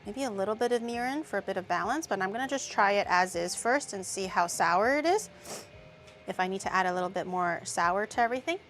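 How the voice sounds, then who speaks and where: This is a woman streamer and VTuber doing casual cooking-stream chat in her home kitchen. Her medium-pitched voice is expressive, fairly quick and fairly bright, set against soft background music, and she's profane and blunt, murmuring as she tastes what she's made.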